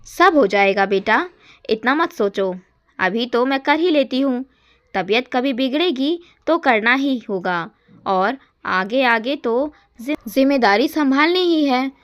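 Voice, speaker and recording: A woman voicing a gentle, kind middle-aged mother-in-law who reassures softly and warmly. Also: high-pitched, animated, takes it slowly, exaggerated voice. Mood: reassuring.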